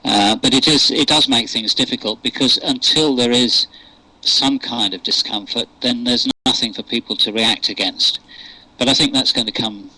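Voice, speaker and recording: A man's voice: medium pitch, moderate pace, pushed and bright, low-quality recording. An older man with a posh English accent, answering interview questions in a hesitant way with many fillers and restarts. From England. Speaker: interview guest. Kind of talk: unscripted radio interview.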